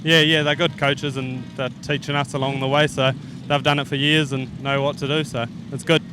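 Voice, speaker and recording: A man's voice: medium pitch, level tone, moderate pace, music in the background. A man, a debutant driver giving modest, plain-spoken answers in a casual interview.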